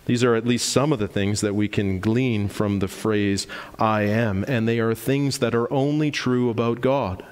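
A man's voice: steady tone, measured pace, smooth. Emphatic male preacher in a reverberant church. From Canada. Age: 40s. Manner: emphatic preaching, rising in pitch to stress points. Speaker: pastor. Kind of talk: sermon. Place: church sanctuary. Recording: long hall reverb in a church.

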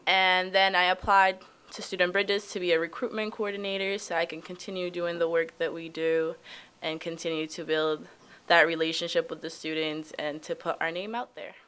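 A woman's voice: fairly low pitch, flat delivery, moderate pace, fairly bright tone, smooth. A young woman from Massachusetts introducing herself at a podium, bubbly and informal. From Worcester, Massachusetts. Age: young adult. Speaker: recruitment coordinator. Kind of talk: panel self-introduction. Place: conference room. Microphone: podium microphone.

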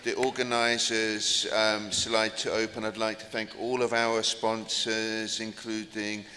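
A middle-aged man moderating a conference panel, speaking haltingly with ums, into a table mic in a large hall. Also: lowish voice, little pitch movement. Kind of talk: conference closing remarks. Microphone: table microphone. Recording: reverberant hall, faint noise.

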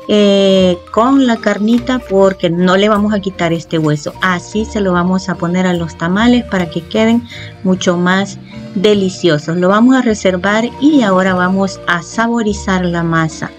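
A woman, the host of a cooking channel, explaining each step of a home recipe calmly and with fond diminutives. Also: medium pitch. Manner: calm, explanatory, uses loving diminutives. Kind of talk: step-by-step cooking tutorial voice-over. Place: home kitchen.

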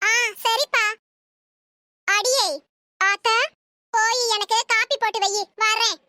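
A woman plays a bossy old cartoon mother-in-law with a very high, bright voice. She grumbles sleepily and barks orders. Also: steady tone, slow pace, dry recording, exaggerated voice. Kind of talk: comic cartoon dub.

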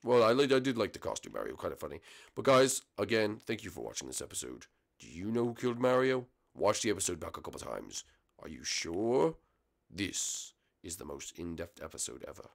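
A man's voice: low voice, very animated, a little fast, creaky, exaggerated voice. A man voicing a blustery reptile king who hosts a homemade puppet comedy, talking to the camera in a mock-dramatic way. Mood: hosting. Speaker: host.

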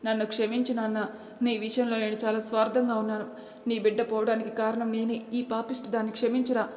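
A woman's voice: fairly high pitch, level tone, fast, darkish tone, lightly acted. A woman reading the lines of a remorseful middle-aged mother-in-law who sobs as she begs forgiveness, in an echoey room. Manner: sobbing, begging forgiveness. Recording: echoey room with long reverb.

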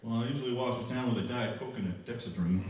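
A man's voice: medium pitch, fast, crowd noise, natural voice. Man acting young [name] army recruit, bumbling, polite, stammering, comedy radio skit, echoey and distant recording. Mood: sheepish, earnest. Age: young adult. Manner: stammering, drawling [name] impression. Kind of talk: live old-time radio comedy skit. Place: library room, live performance, indoors. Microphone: stand microphone, distant camera. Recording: echoey room from far off, music.

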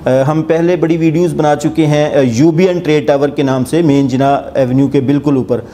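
Host, 40s man, Pakistani Urdu accent, mellow slightly high voice, halting explainer delivery, lapel mic, faint room hiss. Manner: hesitant, many filler sounds, steady explanatory tone; seated, gesturing with hands while reading notes. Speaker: property channel host. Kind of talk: explaining a real estate project to camera. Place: indoor office with armchair.

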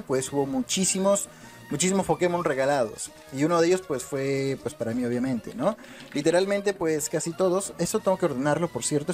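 A man's voice: fairly high pitch, darkish tone. A young man in his twenties from Peru, with a Peruvian accent, chatting casually through a game tutorial and often checking in with "right?". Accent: Peruvian Spanish. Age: 20s. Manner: chatty, keeps asking "¿está bien?" and "¿no?". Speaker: gaming YouTuber. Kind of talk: casual gameplay tutorial commentary. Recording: faint music in the background.

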